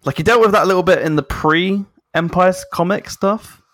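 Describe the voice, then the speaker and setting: A man chatting casually as a podcast host, animated, swearing freely and laughing through his sentences. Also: high voice, moderate pace, no room sound, studio quality. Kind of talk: casual chat.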